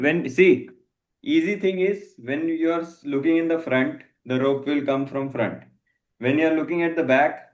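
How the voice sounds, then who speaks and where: Echoey man coaching a class. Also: medium pitch. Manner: mixes Hindi and English, repeats short commands. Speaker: jump rope coach. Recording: echoey room.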